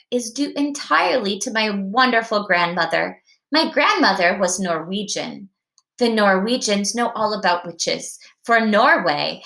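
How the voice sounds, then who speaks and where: A woman reading a storybook aloud to her child, with expressive narration. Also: mid-range voice, echoey room, poor audio.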